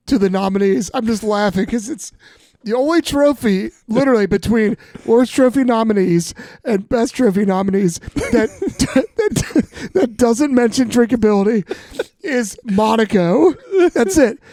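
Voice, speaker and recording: A man co-hosting a podcast in excitable, joking chat, laughing a lot. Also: high-pitched, moderate pace, no room sound, studio quality. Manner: excitable, laughing, cracking jokes. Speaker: podcast co-host. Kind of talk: casual chat.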